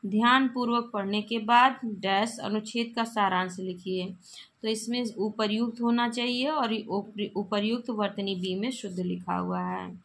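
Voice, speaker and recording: A woman's voice: a little high, fairly bright tone. Woman hindi teacher going thru spelling questions, repeats the right answer, coughs now and then. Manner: explanatory, repeats correct forms, occasional coughs. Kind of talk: exam-prep lesson reading out spelling questions.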